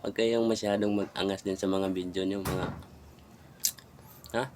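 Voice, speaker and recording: A man vlogging himself eating, chewing between bites and teasing his viewers with a drawn-out, mocking "hmm?". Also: low-pitched, flat delivery, background noise. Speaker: mukbang vlogger. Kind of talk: eating on camera, talking to viewers.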